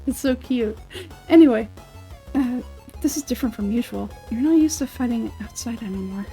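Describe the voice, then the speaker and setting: A woman with a high voice reads a game aloud, dropping casual, upbeat asides between lines. Faint game music plays softly underneath. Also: moderate pace. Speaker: let's play narrator.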